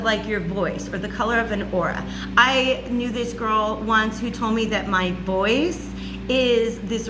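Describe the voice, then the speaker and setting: A spiritual channel host, a woman with a loud, raspy, rather high voice, gives a casual teaching monologue from a warm room at home where a fan runs. She's chatty and keeps checking in with "okay?" and "all right?". The low-quality home recording carries a clear hum.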